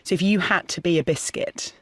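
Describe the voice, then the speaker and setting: Male interviewer, teasing and casual, slightly higher voice, close dry sound. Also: fairly quick, breathy edge, dry recording. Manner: playful and teasing.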